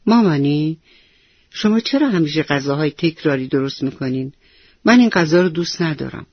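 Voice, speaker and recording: A woman's voice: low voice, expressive, husky, no echo, dull audio, full character voice. A woman doing a sulky little schoolboy. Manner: grumbling, petulant complaints. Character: sulky little schoolboy, stubborn then sorry.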